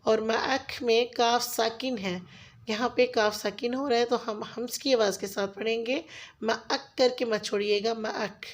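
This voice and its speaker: A woman with a Pakistani Urdu accent teaching Quran recitation rules, patiently explaining each sound and slowly sounding out the Arabic words. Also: fairly high pitch, steady tone. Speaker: tajweed teacher.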